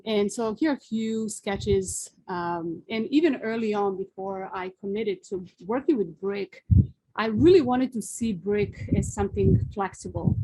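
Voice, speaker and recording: Outdoors and on a rough recording, a sculptor from Serbia in her forties presents a webinar with a Serbian accent. Her mid-range voice has a dark tone, and her delivery is careful and slow-paced, with frequent fillers.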